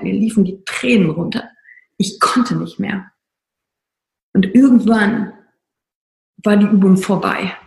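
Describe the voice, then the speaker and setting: Gravelly-voiced woman telling a personal story. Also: medium pitch, darkish tone, roomy sound, rough recording. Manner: emphatic, confessional, with repeated phrases for stress. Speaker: speaker.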